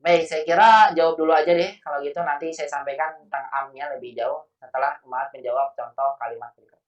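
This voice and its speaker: A man teaching Arabic patiently corrects his students and explains grammar. His voice is fairly high-pitched with fairly even intonation, and he talks fast. The recording sounds echoey, distant and muffled.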